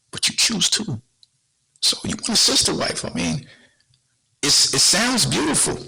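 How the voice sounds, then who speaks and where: Husky, lively-voiced man riffing to viewers. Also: mid-range voice, rough recording. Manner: blunt, rhetorical questions, streetwise slang. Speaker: podcast host. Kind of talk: casual monologue to viewers.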